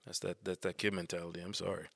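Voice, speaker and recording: A man's voice: low voice, quick pace, gravelly, dry recording. A young adult man co-hosting a podcast in casual chat, telling stories and laughing often. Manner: animated storytelling, laughs often. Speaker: podcast co-host.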